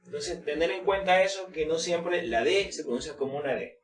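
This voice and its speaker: A man teaching English pronunciation in an informal lesson, explaining slowly with many fillers and repeating example words. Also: on the high side, roomy sound, far from the mic.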